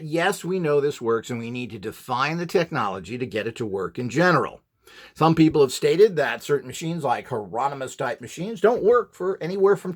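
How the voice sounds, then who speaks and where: In a fairly bright, mid-range voice, an instructor presents a build tutorial as a loose, wandering lecture. He's blunt and opinionated, tossing in sarcastic remarks.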